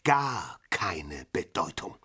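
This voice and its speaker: An actor playing a cold, rigid middle-aged aristocratic husband in a radio drama, speaking stiffly and curtly, with outbursts of shouting. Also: male voice, low-pitched, big pitch swings, slow, slightly rough, full character voice. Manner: stiff and curt, erupting into shouting.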